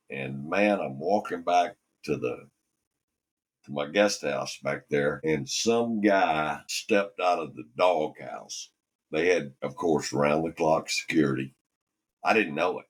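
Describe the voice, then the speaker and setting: A man's voice: low-pitched, breathy edge. An older man from Alabama, a former golfer telling rambling, folksy stories as a podcast guest. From Alabama, USA. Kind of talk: anecdotal storytelling.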